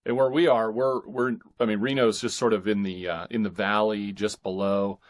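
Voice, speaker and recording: A middle-aged American man from northeastern California, an author and pastor, speaks as a podcast guest with a fairly low, level voice at normal speed. His casual talk comes out in hesitant, meandering phrases.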